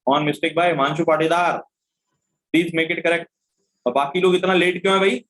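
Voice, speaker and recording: Mixing Hindi and English, this online reasoning teacher spells letters out one at a time and tells off students for their mistakes. His fairly high voice is steady and fairly bright, he speaks a little slowly, and the recording is rough.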